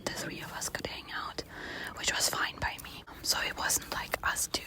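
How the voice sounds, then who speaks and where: A woman telling a personal ASMR storytime in a hushed, quiet night-time whisper, informal and confiding. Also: normal speed.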